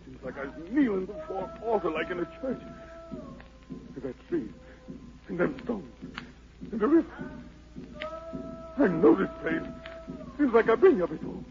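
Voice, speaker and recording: Brutus Jones, high-voiced terrified fugitive emperor. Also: male voice, sing-song, unhurried, vocal fry, pauses often, full character voice. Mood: terrified, pleading. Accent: American Southern. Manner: anguished, pleading outbursts. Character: proud, terrified fugitive emperor, desperate and superstitious. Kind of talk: 1940s radio drama acting. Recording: dull 1940s radio broadcast.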